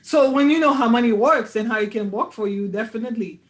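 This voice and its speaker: Casting: high-pitched male host, emphatic, keeps asking "right?", live online chat. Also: fast talker. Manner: emphatic, checks agreement with repeated "right?". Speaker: host of money talk show. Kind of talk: casual panel chat.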